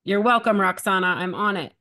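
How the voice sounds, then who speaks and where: A woman moderating an online workshop, brisk and friendly as she calls on speakers. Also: medium pitch, pushed and bright. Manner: brisk and friendly, moving things along. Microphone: video call.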